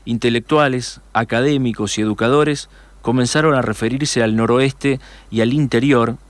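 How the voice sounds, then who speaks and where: A man with an Argentine accent narrates a radio documentary in a steady, measured read and trips over a word now and then. His voice sits at an ordinary middle pitch. The studio sound is dry and close, with almost no room echo. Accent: Argentine Spanish. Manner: measured, reads with small restarts.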